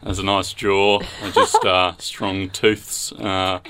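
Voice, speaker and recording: A man's voice: sits low, fairly even intonation, takes it slowly, very noisy. A man with an Australian accent playing a cheeky, laid-back bachelor on a joking podcast dating game.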